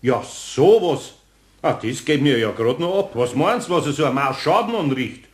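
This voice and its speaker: An older actor playing a patient, kindly master carpenter in a radio play. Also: male voice, on the high side, expressive, normal speed, natural voice. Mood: explaining. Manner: easygoing, dialect-tinged.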